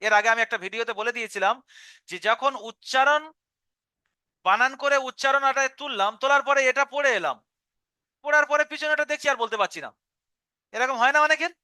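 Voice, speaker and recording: High, bright-voiced man teaching a class. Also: a little fast, pauses often, clear, resonant tone, no echo, clean studio sound. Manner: patient, step-by-step explaining, repeats syllables aloud. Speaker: Quran reading teacher. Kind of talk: live online class instruction.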